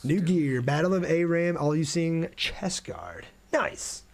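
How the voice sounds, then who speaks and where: Speaking slowly in a voice on the high side, a livestream host gives casual commentary on his gameplay. He thinks aloud and talks with viewers as he plays.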